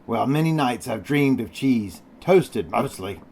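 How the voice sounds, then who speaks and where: A ragged old sailor left alone for years on an island, as a man reads him aloud. His voice comes out cracked and rusty, and he drawls his words slowly. The voice suits a read-aloud storybook. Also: mid-range voice, lively intonation, creaky, darkish tone, a little hiss or hum. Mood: pleading. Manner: slow, drawling sailor's speech. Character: ragged, half-wild old marooned male sailor.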